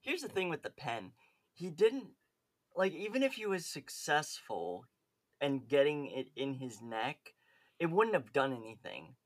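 A man's voice: fairly high pitch, very animated, measured pace, dry recording. A man co-hosting a casual chat, hesitant and repeating his words as he talks. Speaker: podcast co-host.

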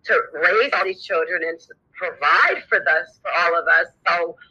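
A woman's voice: on the low side, normal speed, bright, forceful tone, husky. A middle-aged woman from New Jersey talks as an interview guest, candid and rambling, with plenty of fillers. Her voice comes through a dull, lo-fi recording. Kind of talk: casual interview chat.

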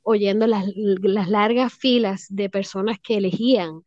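A woman, speaking thoughtfully as an interview guest with many pauses and fillers. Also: mid-range voice, steady tone, darkish tone, dry recording, highs cut off. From Puerto Rico. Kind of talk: reflective storytelling.

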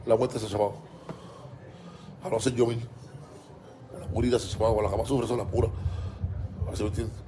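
A man's voice: on the low side, level tone, a little fast, pauses often, noisy background. Heated Cuban man ranting. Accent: Cuban Spanish. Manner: heated, repetitive, stumbling, profane. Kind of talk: casual ranting monologue.

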